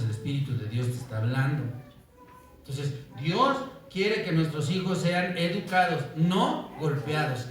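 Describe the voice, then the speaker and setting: A man preaching a sermon as pastor, telling stories with lively acted-out voices and often asking "¿verdad?". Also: a little high, far from the mic. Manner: animated storytelling, acts out quoted voices, asks "¿verdad?" often. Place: church. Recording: echoey church, voice from off-mic.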